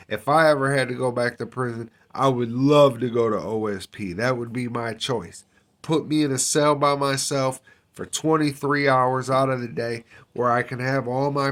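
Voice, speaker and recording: A man telling a story in a casual, slangy, unhurried way, with lots of fillers and swearing. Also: mid-range voice, fairly bright tone. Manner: street slang, frequent fillers and profanity, unhurried. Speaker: storyteller recounting his time in prison.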